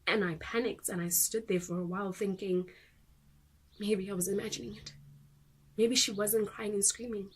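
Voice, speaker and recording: An actress playing a young mother who recounts her baby's death in a dramatic monologue, speaking in halting bursts with many restarts. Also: medium pitch, fairly even intonation, husky, lightly acted. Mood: tense. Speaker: monologue actor.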